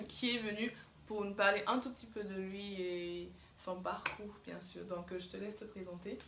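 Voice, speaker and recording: A woman's voice: medium pitch, fairly even intonation, creaky, noisy background. A young woman hosting a casual video interview, chatty and encouraging toward her guest. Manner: chatty, encouraging, quick to laugh. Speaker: YouTube host, interviewer. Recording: echoey room, faint ambience.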